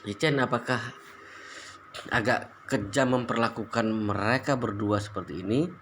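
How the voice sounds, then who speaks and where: A man reading the lines of a gentle, hesitant young wife in a storybook. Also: on the low side, expressive, moderate pace, a little hiss or hum, lightly acted. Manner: hesitant, shocked.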